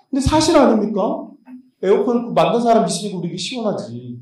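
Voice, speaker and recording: A man preaching a lively sermon as a pastor, joking and quizzing his congregation while moving around the room. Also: on the high side. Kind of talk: lively sermon at a youth retreat. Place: large church hall. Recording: very echoey hall, voice from a distance.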